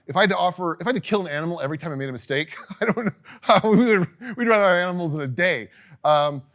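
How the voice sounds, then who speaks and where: A middle-aged man teaching a casual class, chatty and animated, acting out little quotes and laughing now and then. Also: on the high side.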